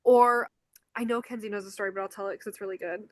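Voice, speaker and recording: Her voice sits in the middle range and moves at a quick pace as this young Chicago co-host, who photographs concerts, spins stories in casual podcast chat. She acts out the quotes with animation, and the studio-quality recording has no echo.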